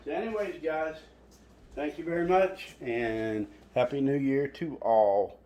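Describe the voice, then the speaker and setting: A man's voice: a little high, measured pace, mellow, distant mic. A man hosting a home cooking video, folksy and rambling as he talks to his viewers. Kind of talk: casual cooking vlog. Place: home kitchen. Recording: echoey room, voice from off the mic.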